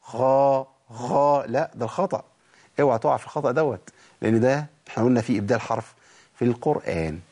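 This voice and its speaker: Egyptian guy teaching quran pronunciation, asks himself questions, slow drawn-out recitation bits. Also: mid-range voice. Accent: Egyptian Arabic. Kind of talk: tajweed lesson on letter pronunciation.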